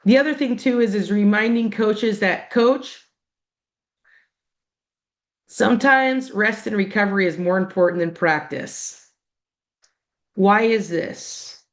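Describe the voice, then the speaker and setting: A middle-aged woman coach giving a casual, conversational motivational talk to student-athletes, acting out quoted exchanges. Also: mid-range voice. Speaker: coach and mental performance speaker.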